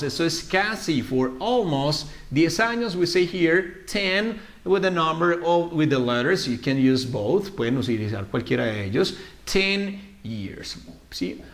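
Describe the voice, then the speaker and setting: Man, slightly high voice, online English lesson, asks and answers his own questions, slow drawn-out examples. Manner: lively, swings between Spanish explanations and slow, drawn-out English examples; asks the viewers questions and answers them himself. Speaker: English teacher.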